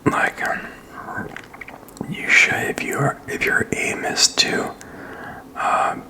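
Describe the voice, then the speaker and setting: A man in his thirties rambles in a halting, unscripted whisper for ASMR, very close to a desk microphone in a small quiet room. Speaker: ASMR video creator. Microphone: desk microphone with furry windscreen, very close.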